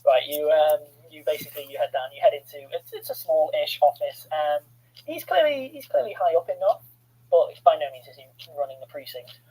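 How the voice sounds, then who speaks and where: A man's voice: on the high side, expressive, fairly quick, mellow, slightly rough, low-quality recording. A man narrating as game master of a tabletop role-play podcast, describing scenes with frequent ums and restarts.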